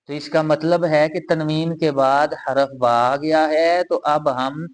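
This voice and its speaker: A man teaching Quran reading with tajweed, patiently explaining and repeating each sound step by step. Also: fairly high pitch. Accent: Urdu-speaking Pakistani. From Pakistan.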